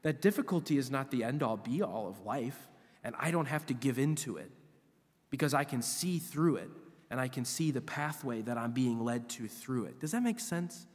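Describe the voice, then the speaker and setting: A priest in his forties gives a homily from a lectern, emphatic and animated and leaning into his points. His mid-pitched voice rings out into the long reverb of a church. The lectern mic picks up the sanctuary's natural echo. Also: normal speed. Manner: animated, emphatic preaching with hand gestures. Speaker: visiting priest. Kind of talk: sermon. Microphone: lectern microphone.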